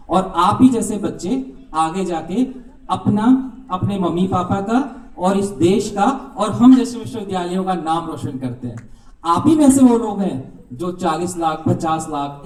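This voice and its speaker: A man's voice: high voice, darkish tone. A man giving a motivational speech as a university representative, telling a story and repeating a catchphrase, in an event hall. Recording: echoey hall from far off.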